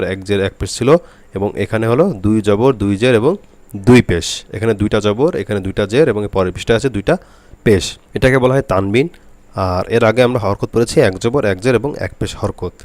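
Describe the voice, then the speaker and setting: Male reading teacher, lowish voice, dry close sound, patient step-by-step delivery. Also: a little mellow, no room sound. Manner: slow, repeats letter drills aloud. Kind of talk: spoken lesson to camera.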